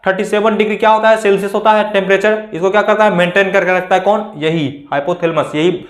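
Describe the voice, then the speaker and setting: A man's voice: sits high, fairly even intonation, quick pace. A male coaching teacher giving a casual lecture, constantly asking and answering his own rhetorical questions. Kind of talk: classroom lecture. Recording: echoey room.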